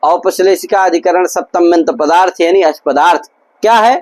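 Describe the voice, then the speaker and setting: In a gurukul classroom, a man lectures on Sanskrit grammar, drilling his students with a steady stream of repeated questions. His voice is high-pitched and a little mellow, at a normal speed, captured in a dry but poor-quality recording.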